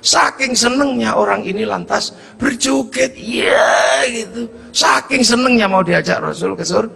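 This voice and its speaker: A man preaching, telling a story with lively bursts of shouting. His voice sits high and sounds husky and gravelly. The tone is bright and forward. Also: unhurried, long reverb tail. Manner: animated, acts out scenes, bursts of shouting. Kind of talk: storytelling sermon.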